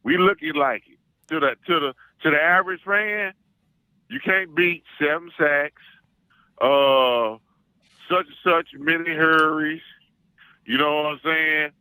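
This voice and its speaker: A man with a bright, forceful voice, pitched a bit high, speaks in an Arkansas Southern drawl. He is a boastful call-in sports fan who hammers his points by repeating them. The sound is dry and close. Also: unhurried, pauses often, clean tone, no echo, rough recording. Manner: boastful, emphatic, repeats phrases. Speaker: call-in guest, self-styled football scout. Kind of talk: animated sports fan talk.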